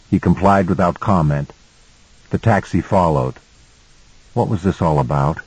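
A man narrating a novel in the first person as an audiobook, in a measured storytelling manner. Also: sits low, a little mellow, husky, no room sound, low-quality recording.

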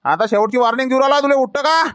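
A man's voice: very high-pitched, very fast, a bit bright, smooth, dry recording, clean studio sound. A man acting as a hot-tempered village farmer in a comedy skit, threatening in a Varhadi Marathi accent. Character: hot-headed village farmer who kills his brother.

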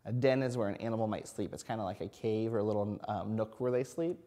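A kindergarten reading teacher in his thirties gives a phonics lesson indoors at an interactive whiteboard, sounding out and spelling words letter by letter. His voice is fairly low and warm, and he talks fast but simply and encouragingly, as if to a small child.

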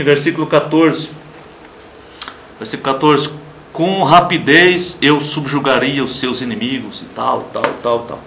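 A man's voice: fairly high pitch, a little hiss or hum. Man, Brazilian accent, pastor, TV sermon, emphatic, roomy echo, faint ambience behind. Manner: emphatic preaching, swinging between loud declarations and soft murmurs; acts out quoted people in raised voices. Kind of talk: televised sermon.

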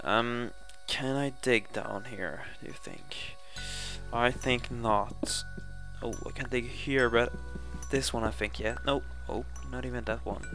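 A young Swedish gaming channel host delivers casual Let's Play commentary slowly and haltingly, with many fillers and self-corrections. His voice is medium in pitch and creaky, and game music runs behind it.

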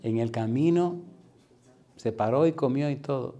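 Man, pastor, sermon in a church, animated storytelling, pleading altar call. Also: medium pitch, measured pace. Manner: dramatic storyteller, acts out voices and swings from loud to hushed.

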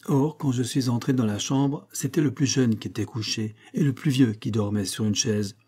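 A man gives voice to an upright mountain man in an audiobook, answering a king with earnest, steadfast conviction. The voice stays warm and mellow with a husky edge. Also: mid-range voice, moderate pace, close to an everyday voice. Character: honest, unflinching mountain man, upright commoner. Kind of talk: audiobook character reading.

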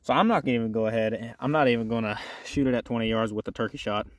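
A man's voice: medium pitch, fast, dry recording. Folksy man vlogging outdoors. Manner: folksy, plainspoken, talks to viewers as he works. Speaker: outdoors channel host. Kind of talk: casual outdoor gear-testing vlog. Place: outdoors at a shooting range.

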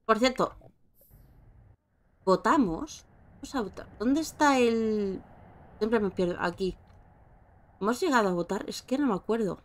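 A woman's voice: mid-range voice, lively intonation, unhurried, pauses often. A woman giving casual, chatty commentary while playing a life-simulation game and talking to her characters. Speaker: gameplay streamer. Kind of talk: casual let's-play commentary.

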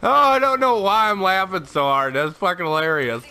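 A man giving profane, excitable gameplay commentary, shouting at the game and laughing often. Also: high voice, clean tone. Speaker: gaming channel host.

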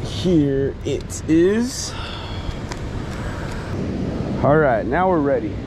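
Man, slow casual talk, action camera at the beach, surf and wind behind. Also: fairly high pitch, sing-song. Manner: unhurried, musing aloud. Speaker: fishing vlogger. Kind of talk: casual vlog narration. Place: ocean beach, wading in cold surf. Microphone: action camera held or worn. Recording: loud surf and wind noise.

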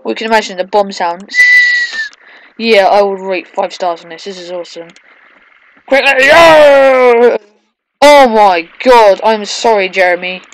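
A woman doing excitable, casual let's play commentary, mixing drawn-out exclamations with quieter asides. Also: medium pitch, slight background noise, poor audio. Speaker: gaming video host.

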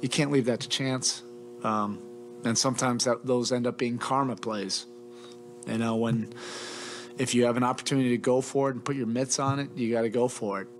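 A middle-aged man, a head coach at a postgame press conference, talking in a measured, halting way with many fillers and restarts into a table mic in a press room. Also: mid-range voice, steady tone, slight background noise.

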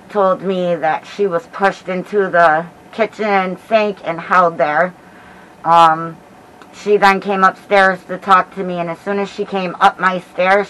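A middle-aged American woman giving a casual vlog update in a hesitant, halting way while feeling sick with a headache. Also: on the low side, pushed and bright, a little hiss or hum, poor audio. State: unwell with headache and nausea. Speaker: paranormal vlogger. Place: small dim bedroom, indoors. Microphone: camera mic at about arm's length, through a cloth face mask.

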